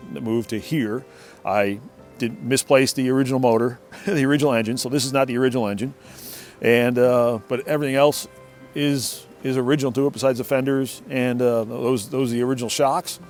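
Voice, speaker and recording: A man's voice: mid-range voice, fairly even intonation, normal speed, a little mellow, faint music behind. A middle-aged man telling a casual, rambling story from his shed workshop, often restarting and repeating words. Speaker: motorcycle owner telling a story.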